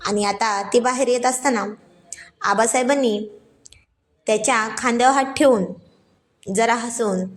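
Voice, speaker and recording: A woman's voice: on the high side, moderate pace, pauses often. A woman narrating a serialized romance story, with chatty asides to listeners.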